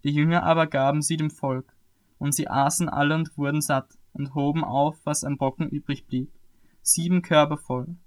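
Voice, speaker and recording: Man reading scripture, slightly high voice. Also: fairly even intonation, normal speed, no echo. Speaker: scripture reader.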